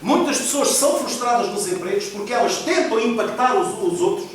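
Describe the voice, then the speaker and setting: A man's voice: very high voice, expressive, brisk, a little hiss or hum. A male pastor preaching a sermon, emphatic and asking the congregation questions. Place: church hall. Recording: echoey hall, mic far off.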